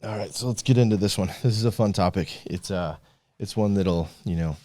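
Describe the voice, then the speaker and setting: Low-voiced male podcast host. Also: fairly quick, warm tone, dry recording, studio quality. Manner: loose and conversational, many fillers and restarts. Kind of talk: casual podcast chat.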